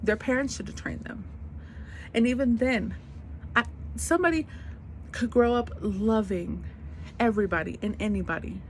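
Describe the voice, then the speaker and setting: A woman's voice: mid-range voice, slight background noise. A woman in her twenties venting in an unscripted vlog rant, blunt and emphatic, repeating her points in casual slangy speech. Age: 20s. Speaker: vlogger.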